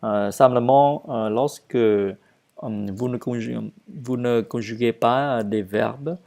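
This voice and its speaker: A man teaching a French lesson, hesitant with many filler sounds, who slowly repeats verb forms for learners to drill. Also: medium pitch, gravelly, dark tone. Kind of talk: online language lesson.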